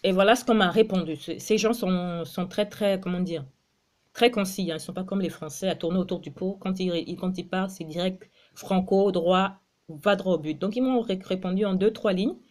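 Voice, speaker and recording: A woman's voice: mid-range voice, normal speed, darkish tone. A woman from Gabon with a Gabonese accent, giving impassioned political commentary and often repeating and restarting her words.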